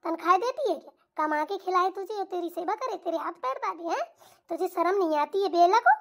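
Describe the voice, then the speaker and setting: Cartoon role: a woman as a screechy, nagging old mother-in-law with a sharp tongue. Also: extremely high pitch, lively intonation, a little fast, exaggerated voice. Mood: scolding. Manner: nagging, insulting, tag questions. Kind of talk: cartoon voice acting.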